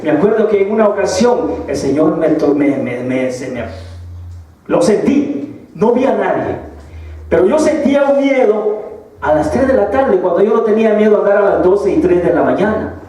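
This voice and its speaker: High-voiced preacher in an echoing church. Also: male voice, expressive, normal speed, dark tone. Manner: earnest, repetitive and emotional, with many restarts. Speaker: lay preacher. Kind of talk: sermon testimony. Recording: echoey church hall, mic far off.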